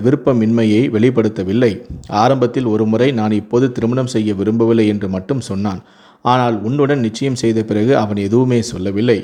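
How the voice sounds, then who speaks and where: A man reading a first-person storybook tale in a steady, even narrating voice. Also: on the low side.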